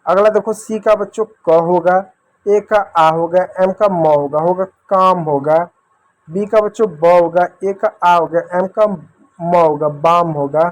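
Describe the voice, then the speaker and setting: A man's voice: high voice, slow. A man explaining English reading rules to children in a patient, repetitive, step-by-step way. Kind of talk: phonics lesson for children.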